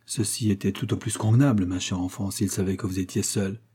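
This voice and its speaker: A man reading an audiobook voices a kindly old spinster aunt in a low, soft, gentle tone. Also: fairly even intonation, fast, breathy edge.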